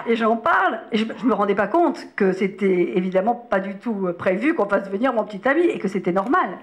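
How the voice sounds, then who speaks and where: A woman being interviewed as an actress, telling a story in a lively way and acting out the lines of dialogue. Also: medium pitch, brisk.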